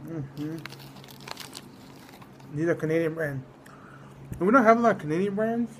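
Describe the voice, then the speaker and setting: A man's voice: sits high, fast, a little hiss or hum, low-quality recording. A man from the United States giving a casual, rambling food review, often trailing off mid-thought. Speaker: snack reviewer.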